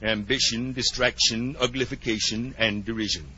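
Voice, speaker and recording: A man playing a melancholy, nostalgic old turtle creature in a 1940s radio drama, with earnest, drawn-out pomposity. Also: medium pitch, steady tone, bright, forceful tone, husky. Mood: mournful nostalgia. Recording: dull, lo-fi 1940s radio recording.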